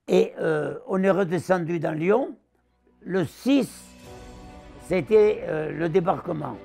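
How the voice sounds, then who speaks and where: A man in his nineties with a southern French accent and a gravelly voice, telling his wartime memories as an interviewee and acting out the voices he quotes. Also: sits high, takes it slowly, soft background music. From southern France. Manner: animated, acts out the voices he quotes. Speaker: interviewee, war veteran. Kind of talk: storytelling recollection.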